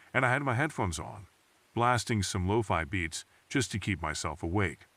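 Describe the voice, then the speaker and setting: A man's voice: lowish voice, fairly bright tone. A man reading a scripted first-person horror story in a tense, suspenseful storytelling manner.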